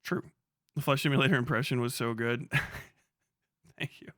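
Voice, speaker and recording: A young man streams live, casually commenting and laughing a lot as he mocks an online figure with heavy swearing. His mid-range voice is fairly bright, with fairly even intonation and normal speed, on a dry, clean studio recording.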